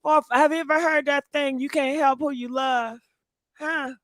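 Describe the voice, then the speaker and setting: A woman hosts a live call-in show and teases her caller with playful, slangy banter. Her slightly high voice sounds dry and close to the mic. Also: fairly even intonation, moderate pace, dry recording. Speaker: radio host. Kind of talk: casual call-in show hosting.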